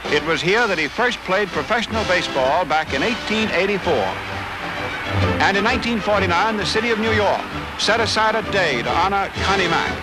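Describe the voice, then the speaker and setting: High-voiced man in old newsreel narration. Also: expressive, loud music behind the voice, poor audio. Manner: brisk, formal announcer delivery.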